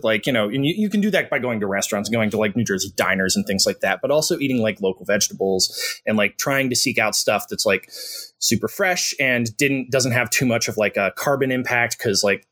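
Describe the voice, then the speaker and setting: A man's voice: mid-range voice, a bit bright. A young adult man talking casually about his own life, rambling and restarting his sentences, with lots of fillers. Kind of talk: casual conversation.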